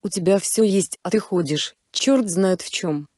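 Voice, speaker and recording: A woman doing a bossy sharp-tongued kid sister. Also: medium pitch, a little slow, husky, dry recording, clean studio sound. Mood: stern. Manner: blunt and commanding.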